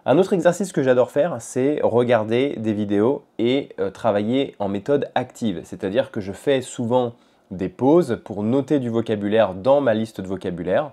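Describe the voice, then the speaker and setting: A man chatting casually at home in a vlog about language learning, talking in a relaxed, rambling way with frequent hesitations. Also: medium pitch, moderate pace. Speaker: language-learning vlogger and podcaster. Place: at home in his apartment.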